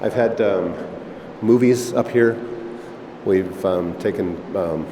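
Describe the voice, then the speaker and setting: A middle-aged man who owns an old missile silo, talking in a relaxed, rambling way with fillers, recorded inside a concrete chamber. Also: sits low, slow. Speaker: missile silo owner giving a tour. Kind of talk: casual conversational interview. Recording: echoey concrete chamber, faint background noise.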